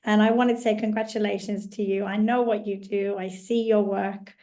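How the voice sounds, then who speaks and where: A woman with a mid-range, warm voice speaks at a normal pace with a flat delivery. She's hosting a podcast interview as a casual chat, friendly and rambling with restarts, her voice still worn as she recovers from a recent illness.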